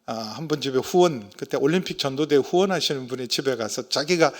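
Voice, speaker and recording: A middle-aged male senior pastor preaching a sermon in a church, lively, acting out parents and children in quoted voices. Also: mid-range voice, fairly quick. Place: church sanctuary. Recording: long hall reverb.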